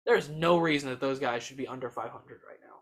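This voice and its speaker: A young man co-hosting a podcast, talking sports in a fast, excitable, emphatic way. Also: medium pitch. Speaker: podcast co-host. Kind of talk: casual sports chat.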